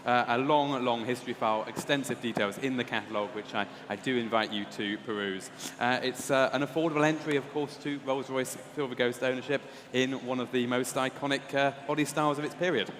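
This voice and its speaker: A man's voice: medium pitch, steady tone, a little fast, hardly any pauses, a bit bright. Male auction specialist in a noisy, echoey hall. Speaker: auction specialist presenting the lots. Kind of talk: semi-improvised lot commentary. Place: large auction room. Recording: echoey hall with some background noise.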